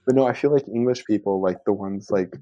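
A man with an American accent and a warm, low-leaning voice chats quickly in a loose, playful way, using "like" constantly. There's no echo, and the recording sounds dry and slightly dull.

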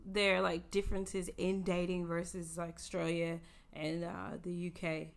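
A woman's voice: lowish voice, level tone, normal speed, gravelly. An American woman chatting casually, peppering her talk with "like" and "um". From United States. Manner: chatty, full of "like" and "um". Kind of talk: casual chat.

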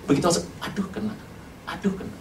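A preacher giving a lively, humorous sermon, firing rhetorical questions and jokes at the congregation. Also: mid-range voice, fast, noisy background. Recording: roomy, from a distance.

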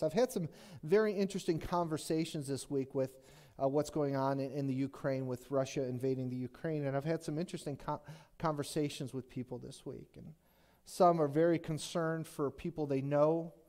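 A man's voice: a little high, a little fast, darkish tone. A middle-aged man preaching a sermon as pastor, speaking in a folksy, conversational way that often restarts mid-sentence.

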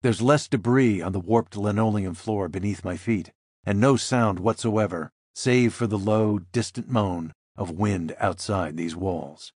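Husky-voiced man narrating a thriller. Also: fairly low pitch, a little slow, a little mellow, dry recording, studio quality. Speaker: audiobook narrator. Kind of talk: first-person thriller narration.

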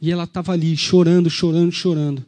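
A man's voice: fairly high pitch, little pitch movement, fast talker, warm tone. A man with a Brazilian Portuguese accent, preaching an Easter sermon as a pastor, retelling the story and asking the congregation rhetorical questions.

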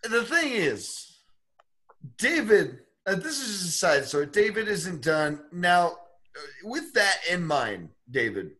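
A young man on a podcast, animated and laughing, often calling people "man". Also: high voice, a little slow. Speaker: podcast co-host. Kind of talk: casual chat.

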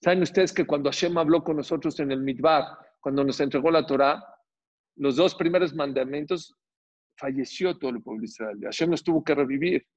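Husky, emphatic rabbi preaching. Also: male voice, fairly high pitch, a little fast. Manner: animated, emphatic rises and repetition. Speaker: rabbi teaching a Torah class. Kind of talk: sermon. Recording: dull lo-fi recording.

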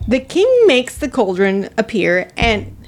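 Slow-reading woman podcast co-host. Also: mid-range voice, lively intonation. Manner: slow, deliberate reading with playful asides. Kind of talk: reading a book summary with casual chat.

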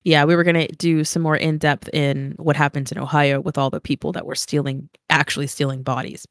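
A woman's voice: low voice, little pitch movement, a little fast, no echo, studio quality. A congested woman hosting a podcast, chatting casually, swearing and laughing often. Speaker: podcast host. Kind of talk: casual chat.

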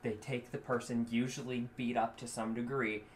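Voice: medium pitch, level tone, normal speed, slight background noise. A young adult game master narrating a tabletop game casually, with lots of fillers.

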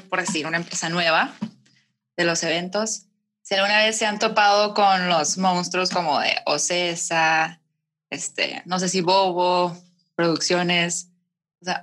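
Brief: Mexican woman host, bright forceful tone, chatty, quick reactions. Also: lowish voice. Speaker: interviewer. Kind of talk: casual interview.

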